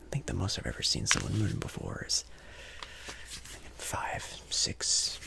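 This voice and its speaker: A man whispers as a friendly casino dealer in an ASMR roleplay, apologetic, breathy and chatty. His voice sits low but swings hugely in pitch, and he moves at a measured pace while reassuring politely and hesitantly.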